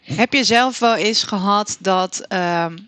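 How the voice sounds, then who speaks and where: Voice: medium pitch, slow, bright, forceful tone, no room sound. An interviewer in casual chat, asking long follow-up questions.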